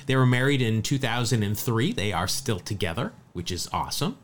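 A man's voice: medium pitch, fairly quick, slight background noise. A man co-hosting a casual sports podcast, reeling off statistics with a light, chatty manner. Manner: lively, rattles off stats. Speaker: podcast co-host.

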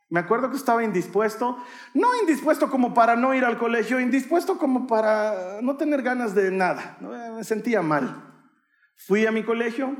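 Animated high-voiced preacher telling a story. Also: male voice. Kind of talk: sermon storytelling. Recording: echoey room.

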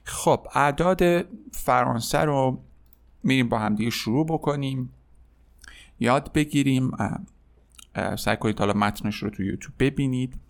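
A man hosting a language lesson podcast, drawing out model words slowly and calling his learners "kids" in a friendly way. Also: medium pitch, gravelly. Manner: slow, drawn-out model words for repeating. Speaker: podcast host and French teacher.

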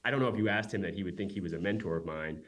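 Fast-talking deep-voiced man. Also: a bit bright. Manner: quick, chatty storyteller with many "right?" asides. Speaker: company founder and guest. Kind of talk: casual interview talk.

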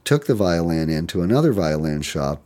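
A man's voice: deep voice, sing-song, normal speed, mellow. An older man, a violin and bow maker, telling rambling, chuckling anecdotes in an interview. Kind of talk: storytelling in an interview.

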